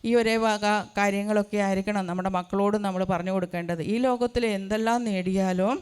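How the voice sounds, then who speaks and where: A woman's voice: mid-range voice, fairly even intonation, fairly quick, darkish tone, clean tone. A religious sister giving an earnest testimony in a church hall, asking her listeners rhetorical questions. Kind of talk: sermon testimony.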